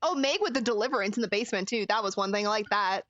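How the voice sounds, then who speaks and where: A woman's voice: medium pitch, fast talker, a bit bright, no room sound, highs cut off. A woman streaming a game, chatting casually with viewers and reacting expressively, swinging between frustrated cries and laughs. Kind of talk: casual gaming commentary.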